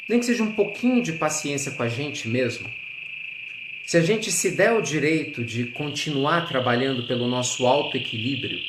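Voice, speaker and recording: A man giving an earnest, reflective spiritual talk, animated and addressing his listeners directly. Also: a little high, noisy background. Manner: earnest, animated, with teaching asides. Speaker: spiritual speaker. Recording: echoey with loud crickets and frogs.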